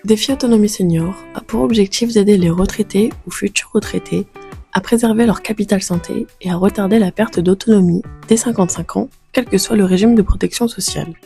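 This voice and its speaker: A woman reading a scripted voice-over narration in an even, informative tone. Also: medium pitch, fairly quick, gravelly. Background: soft guitar music.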